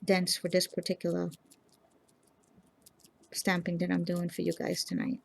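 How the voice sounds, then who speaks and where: A woman hosting a nail art tutorial, explaining each step in a calm, instructive way and speaking to viewers directly. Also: lowish voice, unhurried, vocal fry. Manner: calm, instructive, addresses viewers as "you guys". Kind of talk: casual step-by-step tutorial narration.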